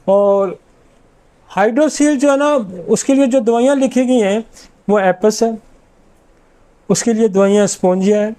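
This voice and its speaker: Middle-aged male homeopath, high pitch, soft mellow tone, self-assured lecturer who reels off remedy lists. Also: long pauses. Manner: confident, rattles off long lists of remedies. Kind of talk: informal medical lecture.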